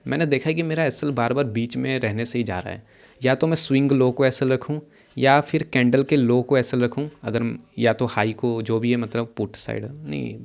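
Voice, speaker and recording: A young man talks viewers through his day's trades over a screen share, hurrying along on purpose. He keeps a loose, conversational manner, circling back and repeating himself. His voice sits at an ordinary middle pitch. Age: young adult. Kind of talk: casual screen-share trading walkthrough. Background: some background noise.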